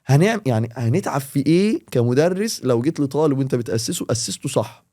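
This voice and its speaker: Fast-talking Egyptian teacher, dark voice. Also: male voice, mid-range voice. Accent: Egyptian Arabic. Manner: animated, explains with quick examples. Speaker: English teacher, podcast guest. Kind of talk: casual podcast chat.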